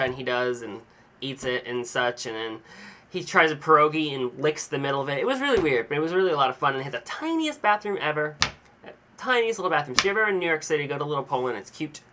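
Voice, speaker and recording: A young man casually telling a rambling, self-mocking story to a camera in his home vlog. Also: fairly high pitch. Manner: chatty, animated, self-mocking. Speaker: vlogger.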